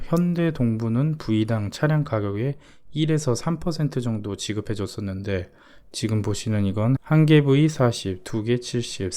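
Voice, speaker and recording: A man's voice: on the low side, warm tone. A man narrating a scripted explainer voice-over in a casual, self-mocking way with blunt asides. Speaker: YouTuber explaining used-car warranty insurance.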